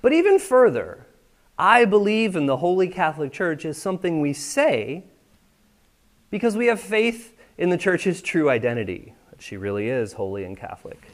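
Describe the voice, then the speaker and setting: Speaking at a normal speed, a man preaches in a church sanctuary with a voice that sits high and swings widely in pitch. He's an American pastor who talks with his congregation like a conversation, frequently making sure they understand.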